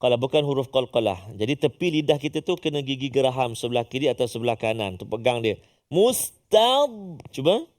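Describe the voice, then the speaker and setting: A middle-aged man teaching Quran recitation, coaxing learners to repeat after him and chanting example words. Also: medium pitch. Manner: lively, coaxing, models recitation in drawn-out chant. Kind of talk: tajwid lesson with call-and-response practice.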